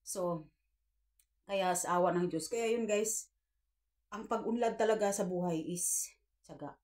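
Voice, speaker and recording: A woman's voice: medium pitch, a little slow, a little mellow. A woman in her fifties giving earnest, preachy life advice to her viewers in a casual vlog, often calling them "guys". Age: 50s. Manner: earnest, preachy, addresses viewers as guys, acts out quoted dialogue.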